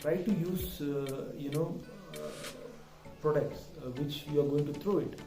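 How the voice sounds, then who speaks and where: Male vlogger, Malayali accent, unhurried and fairly high-pitched, code-mixing Malayalam and English; distant, echoing sound. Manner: mixes Malayalam and English, switching mid-sentence. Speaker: vlog presenter. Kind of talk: casual vlog talk. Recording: roomy, distant mic with music behind.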